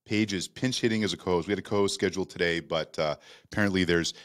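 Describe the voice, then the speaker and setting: A man's voice: sits low, fast, fairly bright tone. A man from Canada, hosting a podcast in a studio with upbeat, jokey banter. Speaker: podcast host. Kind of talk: casual podcast chat.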